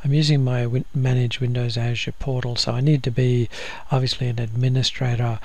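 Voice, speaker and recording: A man giving a screen-recorded software tutorial, explaining each step methodically with frequent ums and uhs. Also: medium pitch, little pitch movement, a little fast. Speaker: software instructor.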